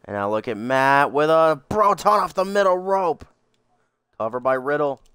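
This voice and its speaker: A man calling play-by-play like a wrestling commentator, with dramatic, excitable calls and casual asides. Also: on the high side, moderate pace, smooth. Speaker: video game player commentating on a wrestling match.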